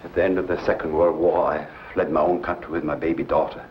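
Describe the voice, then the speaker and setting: An actor playing a sorrowful, resigned refugee scientist with a formal, grave manner in a vintage B-movie. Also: male voice, a bass voice, flat delivery, quick pace. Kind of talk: vintage B-movie film acting. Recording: muffled old film soundtrack, noisy.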